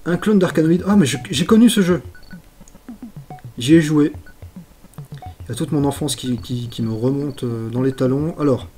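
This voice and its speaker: A man with a medium-pitched voice streams old games, pausing often as he talks at a normal pace. He's excitable, exclaiming when he messes up, chatting to himself, and joking at his own expense.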